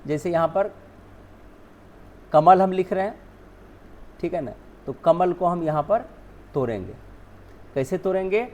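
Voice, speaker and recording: High-pitched guy teacher, hindi first language, keeps saying "right?" and answering his own questions. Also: lively intonation, measured pace, pauses often, darkish tone. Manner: repeats "ठीक है ना", asks and answers own questions. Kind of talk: explaining spelling rules on a board.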